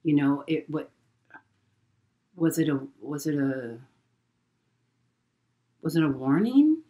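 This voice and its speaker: Low-voiced woman telling a story. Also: sing-song, dark tone. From Hawaii. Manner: halting, repeats words, many fillers. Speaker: channel host telling a personal story. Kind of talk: casual spoken storytelling.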